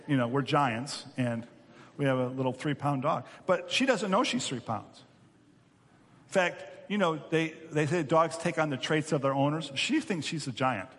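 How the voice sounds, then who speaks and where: A man preaching a sermon as pastor, animated and emphatic, often repeating his words. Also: mid-range voice, big-room sound.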